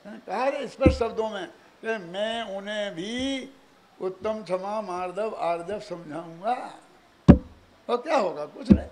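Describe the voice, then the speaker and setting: An older man giving a religious discourse, animated, full of rhetorical questions and chuckling asides. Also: high-pitched, measured pace, background noise. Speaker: preacher.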